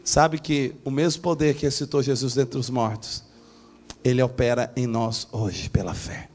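A male pastor preaching a sermon in church, telling a story with animated shifts of voice. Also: moderate pace, a little hiss or hum. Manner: animated storytelling, acting out voices with big pitch swings.

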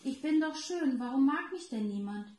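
A woman's voice: high voice, expressive, moderate pace, darkish tone. A woman voicing a proud, vain young male fish in a children's storybook reading, sounding haughty. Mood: plaintive. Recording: roomy echo.

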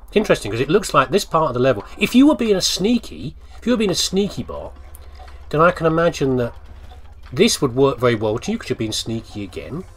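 A gamer commentates casually on his playthrough, rambling and thinking aloud to himself. His husky voice is medium in pitch, very animated, and quick.

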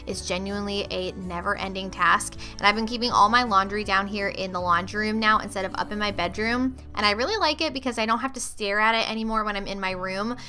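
A woman's voice: medium pitch, fast, hardly any pauses. A young woman chatting casually as a cleaning and cooking vlogger, explaining with occasional filler ums. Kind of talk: casual voice-over narration. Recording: loud background music. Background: loud music.

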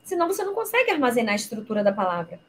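Woman explaining, slightly high voice. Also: wildly swooping pitch, racing, a little hiss or hum, rough recording. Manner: didactic, explains with examples and rhetorical questions. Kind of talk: explanatory talk in a live interview.

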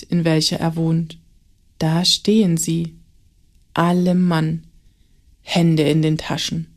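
Calm woman reading a story. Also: lowish voice. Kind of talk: scripted children's story narration.

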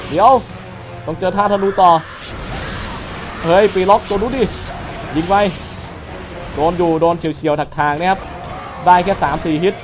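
A young man giving excitable let's play commentary, trash-talking enemies with frequent exclamations. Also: high voice. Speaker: gaming channel host. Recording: loud game music behind voice.

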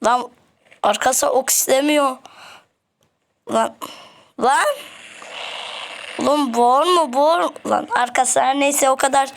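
A woman with a high, bright voice commentating her own gameplay. She talks in a rowdy, excitable way, yelling at the monsters in slang and calling out to her viewers. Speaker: gaming channel host.

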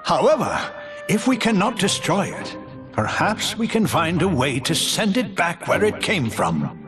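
An actor playing a wise old wizard mentor in a video game, grave, measured and stately. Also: male voice, high-pitched, wildly swooping pitch, over music, exaggerated voice.

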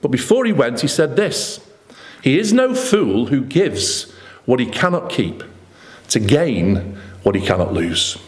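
Middle-aged man, sermon at a lectern mic; emphatic, swooping delivery. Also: mid-range voice. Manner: earnest, emphatic preaching with rhetorical questions and lively pauses. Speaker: pastor. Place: church hall with red curtains. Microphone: lectern microphone.

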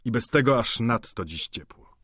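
A man reading the part of a sly, cynical middle-aged schemer who talks with slow mockery. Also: mid-range voice, expressive, a bit bright, slightly rough, dry recording, studio quality. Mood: persuasive. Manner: mocking, slow and deliberate.

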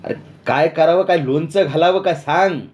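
A man's voice: on the high side, moderate pace, a little mellow, pitched above the performer's own voice, lightly acted. A man voicing a blustering middle-aged village headman who barks his questions in a raised voice. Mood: exasperated. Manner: barking, exasperated.

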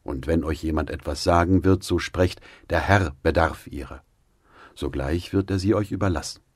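A man reading the words of Jesus in a scripture audiobook, in a solemn, measured way. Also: a bass voice, slightly rough, dry recording, clean studio sound. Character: Jesus, calm authoritative male teacher.

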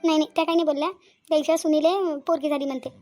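A woman's voice: high-pitched, steady tone, racing, darkish tone, soft background music, close to an everyday voice. Woman voicing a tearful young wife with a Vidarbha accent. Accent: Vidarbha Marathi. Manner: pleading, sobbing. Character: young married woman, tearful, longing for a daughter. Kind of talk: cartoon voice acting.

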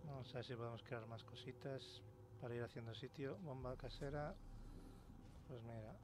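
A man with a Spain accent hosts casual let's play commentary, speaking in a mid-range voice at a moderate pace. He's colloquial and sweary, and noisy game ambience sits behind his voice.

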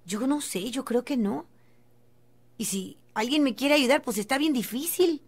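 An anxious, pleading young pregnant wife, put on by a woman with a raised, higher voice. She repeats herself as she frets in a told story on a radio talk show. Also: lively intonation, unhurried, husky, exaggerated voice.

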